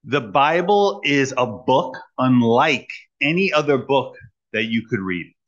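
A man preaching in short phrases and pausing for an interpreter, teasing the young people about a quiz. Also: medium pitch, expressive, a bit bright, muffled recording. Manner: pauses for translation, teacherly, jokes with young people. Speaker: guest preacher. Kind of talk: sermon with live interpreter.

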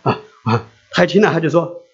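A man's voice: on the high side, expressive, brisk. A middle-aged man preaching a sermon, earnestly repeating his appeal to the listeners and then leading a prayer. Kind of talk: sermon with altar call and prayer. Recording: dull lo-fi recording.

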